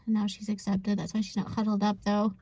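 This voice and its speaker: Her medium-pitched voice is warm but monotone, and she talks at a quick pace. This homesteader vlogger chats casually to her camera while doing chores outdoors and in a chicken coop on a farm in extreme cold, with laughs and sighs.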